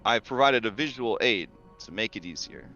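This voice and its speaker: A man's voice: fairly low pitch, lively intonation, moderate pace, sharp tone. A man chatting casually and a bit ramblingly as the game master of an online tabletop session. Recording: dull lo-fi mic, faint music. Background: faint music.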